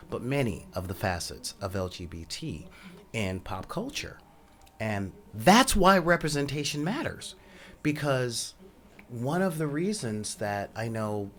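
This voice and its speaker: A soft-spoken man who says he has a high voice hosts a podcast, talking casually in a rambling monologue full of ums and asides.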